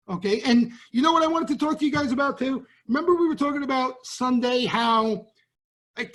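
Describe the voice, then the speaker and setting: A man with a Brooklyn accent hosting a trading show, talking casually and bluntly to viewers and often checking in with "right?". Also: very high-pitched. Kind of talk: casual market talk to viewers.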